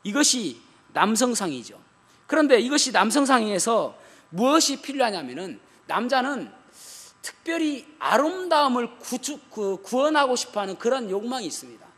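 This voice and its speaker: A man preaching a sermon as pastor, animated, with humorous asides to the congregation. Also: extremely high pitch, normal speed, husky. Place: church sanctuary. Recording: long church hall reverb.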